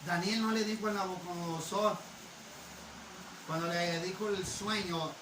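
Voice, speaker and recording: Male preacher, builds to shouted repetition; roomy, echoey church sound. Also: high-pitched, unhurried. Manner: builds from calm teaching to shouted fervor, repeating phrases. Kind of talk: Pentecostal-style sermon. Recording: echoey hall, preacher far from the mic, noisy.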